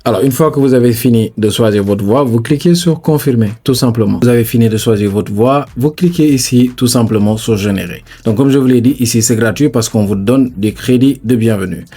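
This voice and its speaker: A man hosting a screen-recorded software tutorial, talking chattily to viewers and filling his steps with stock phrases. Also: medium pitch, a little fast, hardly any pauses, husky. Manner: chatty, repeats "bien sûr", addresses viewers as "les gars". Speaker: tutorial host.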